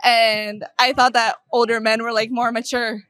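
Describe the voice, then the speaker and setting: Young woman from Russia, interviewee outdoors in a park, chatty, lots of "like", higher voice, dry close sound. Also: level tone, normal speed, a bit bright, clean tone, no echo. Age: young adult. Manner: chatty, heavy use of "like", laughs often. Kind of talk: casual chat.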